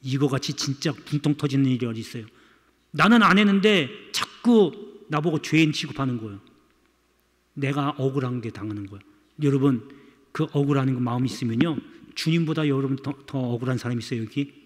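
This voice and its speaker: A man's voice: medium pitch, brisk, in a large hall. A male pastor preaching a sermon in a church, speaking emphatically and repeatedly addressing the congregation. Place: church sanctuary.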